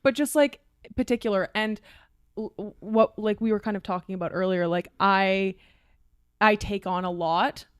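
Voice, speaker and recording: Smooth-voiced woman in her twenties, chatty. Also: medium pitch, normal speed, dry recording, studio quality. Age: 20s. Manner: chatty, fillers of "like", animated storytelling. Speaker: podcast co-host. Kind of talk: casual chat.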